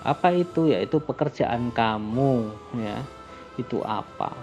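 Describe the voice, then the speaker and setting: A man teaching a class, calmly explaining English greetings and introductions and slowing down for the example phrases. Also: mid-range voice. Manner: calm and explanatory, switching into slow, lifted voice for English example phrases. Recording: lo-fi recording with faint music.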